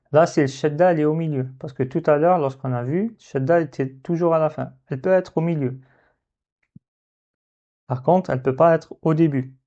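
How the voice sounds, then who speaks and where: A man gives a slow, step-by-step reading lesson, repeating each syllable patiently for learners. His voice is mellow and unhurried. The recording sounds dull and lo-fi. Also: mid-range voice. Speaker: Arabic reading teacher.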